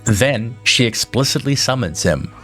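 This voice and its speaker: A man's voice: medium pitch, lively intonation, a little slow, a bit bright, faint music behind. A man giving a scripted narration for a film analysis video, laying out his argument in an emphatic, case-building manner.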